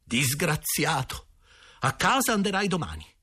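A man's voice: a little high, wildly swooping pitch, a little slow, bright, forceful tone, husky, voice pushed up, full character voice. A man reading an audiobook, voicing an older sister who scolds in an exasperated, pleading way.

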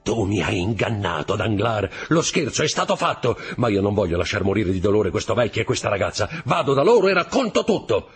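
A man voicing a coarse, fearful male crony with a raised, raspy, agitated voice in a storybook reading. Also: on the low side, big pitch swings, fairly quick, hardly any pauses, voice pushed up, full character voice. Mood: anguished. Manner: pleading, agitated.

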